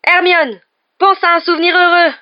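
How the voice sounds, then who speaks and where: A reader voicing a brave, frantic teenage boy wizard, shouting urgently in an audiobook. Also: medium pitch, fairly even intonation, fairly quick, highs cut off, lightly acted. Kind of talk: audiobook character voice.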